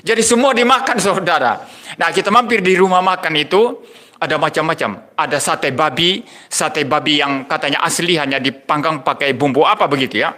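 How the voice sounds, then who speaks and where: A man's voice: on the high side, sharp tone. An older man, a pastor preaching a sermon, telling personal stories and repeating key phrases for emphasis.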